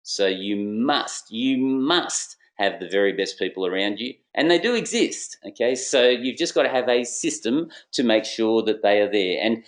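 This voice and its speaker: Animated man telling a business story. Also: normal speed, hardly any pauses. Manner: lively, theatrical, acts out dialogue with swinging pitch. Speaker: business consultant. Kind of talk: animated storytelling presentation to an audience.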